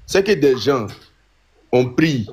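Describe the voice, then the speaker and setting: In a live online panel, a debater from Ivory Coast argues off the cuff, pressing his point and repeating phrases for emphasis in his Ivorian accent. He speaks slowly and expressively in a mid-range voice that is a little mellow and husky.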